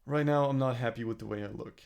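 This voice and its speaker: A young vlogger talks quickly about his plans, his medium-pitched voice darkish and full of vocal fry. He's casual and earnest, rambling and correcting himself throughout this self-reflective clip.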